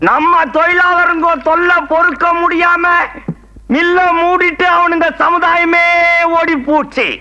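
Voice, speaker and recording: A man's voice: very high voice, pushed and bright, highs cut off, heavily acted. An actor playing a grumbling older man who lectures others in a comedy film scene.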